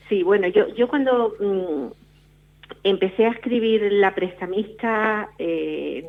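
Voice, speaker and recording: A middle-aged woman from La Palma, a novelist telling her story in a radio interview, often restarting her sentences. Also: fairly low pitch. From La Palma, Canary Islands. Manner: reflective storyteller with frequent restarts. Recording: tinny phone line.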